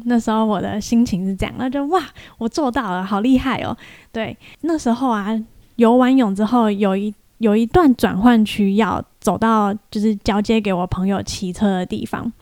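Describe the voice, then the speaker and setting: A woman's voice: a little high, a little mellow, dry recording. A young woman hosts a podcast, telling a story in a casual, chatty way and mimicking other people's voices in quoted lines. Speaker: podcast host.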